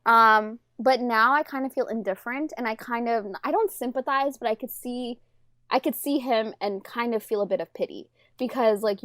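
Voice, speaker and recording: A young woman with a fairly high voice co-hosts a casual book podcast, recorded in clean studio quality with no room sound. She chats loosely, telling rambling stories packed with fillers and laughter.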